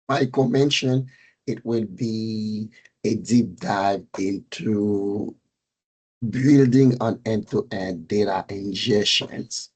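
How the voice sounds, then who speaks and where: Middle-aged male presenter with a Haitian Creole-French accent, unhurried and a bit husky, pausing often on fillers. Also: lowish voice, darkish tone. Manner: halting, many fillers and restarts. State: recovering from a fever and cold. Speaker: meetup speaker, data architect. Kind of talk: technical presentation on a video call.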